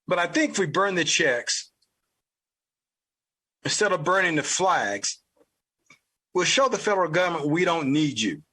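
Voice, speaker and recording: A man's voice: on the high side, animated, a little slow, long pauses, pushed and bright, breathy edge. A man with a Southern US accent hosting an opinion podcast, talking in a blunt, profane, ranting way. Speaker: podcast host. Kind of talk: opinion commentary.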